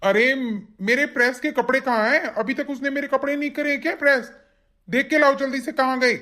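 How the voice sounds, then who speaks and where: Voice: high voice, fairly even intonation, a little fast. A voice actor doing a short-tempered cartoon husband. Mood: angry. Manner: scolding, shouting, complaining. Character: irritable young husband, short-tempered and rude. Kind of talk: cartoon voice acting.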